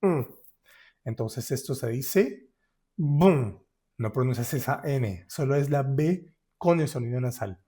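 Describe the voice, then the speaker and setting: Man teaching French vowels, slow demonstrations. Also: mid-range voice, lively intonation, dark tone. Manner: slow, drawn-out syllable-by-syllable demonstration. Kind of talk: pronunciation lesson.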